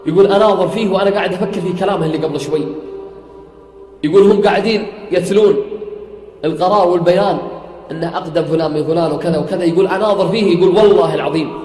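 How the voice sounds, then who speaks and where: This preacher's voice sits high and is mellow yet rapid-fire as he retells an eyewitness account in sermon style. Swearing oaths, he builds to near-singing emphasis, almost chanting, and faint music plays in the echoey hall.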